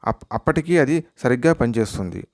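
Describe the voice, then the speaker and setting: A man's voice: mid-range voice, lively intonation, fairly quick, darkish tone, dry recording, clean studio sound. A man voicing a boastful young man who brags about his grandfather. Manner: bragging.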